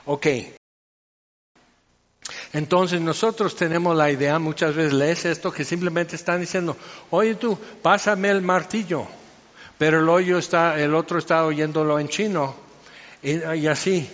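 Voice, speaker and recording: A man's voice: fairly high pitch, steady tone, unhurried, a bit bright, in a large hall, highs cut off. A man giving informal Bible teaching, chatty and storytelling, full of fillers.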